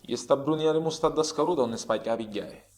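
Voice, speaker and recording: A man's voice: a little high, fast, darkish tone, close to an everyday voice. A man playing a broke, cheeky working-class husband in a comic dub, speaking broad Sicilian dialect from Catania. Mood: wheedling.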